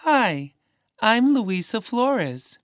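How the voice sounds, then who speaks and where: A woman reading a learner's dialogue as a friendly student, with clear, careful delivery. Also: a little high, big pitch swings, very slow, dry recording, clean studio sound, full character voice. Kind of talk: slow scripted dialogue for learners.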